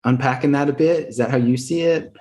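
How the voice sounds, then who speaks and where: A man hosting an interview podcast, asking reflective, gently probing questions. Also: mid-range voice, fast talker. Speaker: podcast host. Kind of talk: conversational interview.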